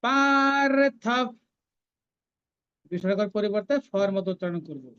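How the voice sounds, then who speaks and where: A woman teaching a scripture recitation class, chanting each verse slowly and then explaining how to pronounce it. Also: mid-range voice, fairly even intonation, a little mellow, lo-fi sound.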